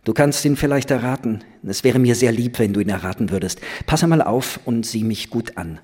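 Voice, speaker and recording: A man reading a young woman's lines, playful yet grave and commanding, in a slow, serious, quietly insistent way. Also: mid-range voice, breathy edge, lightly acted. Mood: earnest, commanding.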